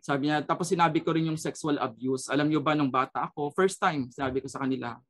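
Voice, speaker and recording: Earnest man, slightly higher voice. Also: quick pace, fairly bright tone. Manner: earnest, switches between Tagalog and English, frequent "no?" tag. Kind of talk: personal testimony.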